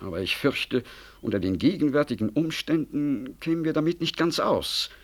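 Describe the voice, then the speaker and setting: In a 1960s German radio play, a man acts the part of an ambitious, calculating government official, speaking at normal speed with lively, wide pitch swings. His manner is rhetorical, condescending and diplomatically slippery, with a placating, diplomatic mood.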